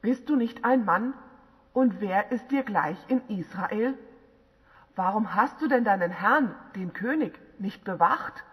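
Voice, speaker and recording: A woman's voice: mid-range voice, animated, a little slow, husky. A woman reading the lines of a young male warrior in an audiobook, earnest and pleading. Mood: reproachful. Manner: earnest pleading read-aloud dialogue. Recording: dull lo-fi with long reverb.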